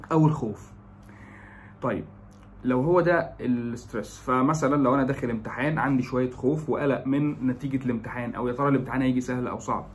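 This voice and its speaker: Egyptian man, young, brisk educational presenter, fills pauses with "aah", faint hiss behind. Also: mid-range voice. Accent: Egyptian Arabic. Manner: explains with lots of English terms and filler "aah". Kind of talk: educational talk.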